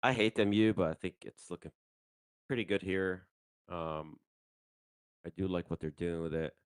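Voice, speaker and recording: Very deep-voiced man talking trades. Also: normal speed, clear, resonant tone, dry recording. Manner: loose and conversational, with fillers and mild swearing. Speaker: host trader on a live stream. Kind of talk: casual live market commentary. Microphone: handheld microphone.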